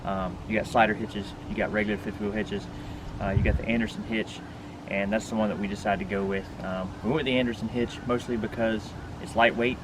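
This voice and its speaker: An RV vlogger with a fairly low voice speaks casually to the camera outdoors beside a pickup truck bed, walking viewers through a product step by step. He's informal and plain-spoken, keeping a steady tone, talking a little fast with few pauses. Wind and vehicle noise are clearly audible behind him.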